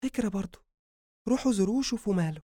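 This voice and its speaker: Give me a man putting on a gentle, anxious young woman in a storybook, Egyptian accent, her voice raised high and kept soft and low in level, with a quick, dry delivery. She sounds quiet and subdued. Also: animated, no room sound. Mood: worried.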